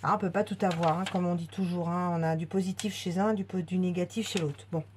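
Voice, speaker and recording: A woman's voice: on the low side, fairly even intonation, fairly quick, darkish tone, a little hiss or hum. A woman chatting casually while unboxing a craft kit, with many fillers and restarts. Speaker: craft vlogger.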